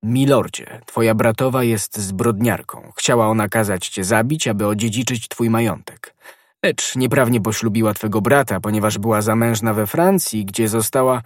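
A man reading a hot-headed young musketeer in an audiobook, impatient and lively. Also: fairly low pitch, moderate pace, no echo, clean studio sound, close to an everyday voice. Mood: grim.

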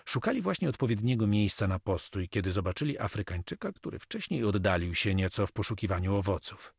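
Man, audiobook narrator, husky, lowish voice, dry close sound. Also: sing-song, brisk, no echo. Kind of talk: scripted narration.

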